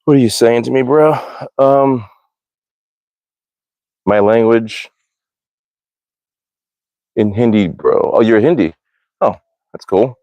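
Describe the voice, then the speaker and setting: Slow and mellow, with frequent pauses, this medium-pitched American man hosts a livestream as a hobby archer, chatting loosely in slangy, rambling talk. He's outdoors at his backyard archery range, and the audio is dull with no echo.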